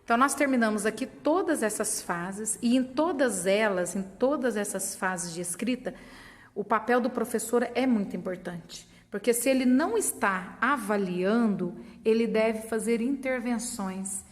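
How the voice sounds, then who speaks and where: A woman's voice: on the high side, normal speed. Brazilian woman teacher sounding out syllables. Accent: Brazilian Portuguese. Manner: patient, sounds out words syllable by syllable. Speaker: teacher trainer. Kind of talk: instructional explanation to teachers. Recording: long reverb.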